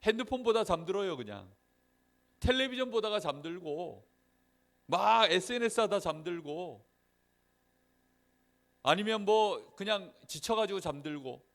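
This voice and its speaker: A man's voice: high voice, unhurried, gravelly, long pauses. A man giving a sermon to a children's Sunday school class, asking the children questions and checking that they follow. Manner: lively storyteller, acts out little scenes.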